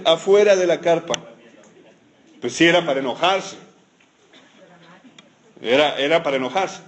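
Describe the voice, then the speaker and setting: A man preaching a sermon, telling a Bible story in a playful, teasing way with joking asides. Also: fairly high pitch.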